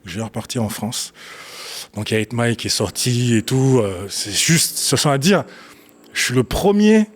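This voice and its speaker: A young man tells his life story to an interviewer in an easy, conversational way. He acts out old scenes and swings his voice high and low as the story moves, with laughter breaking in now and then. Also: expressive, moderate pace. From Africa, grew up partly in Ethiopia. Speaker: guest, battle rapper and slam poet.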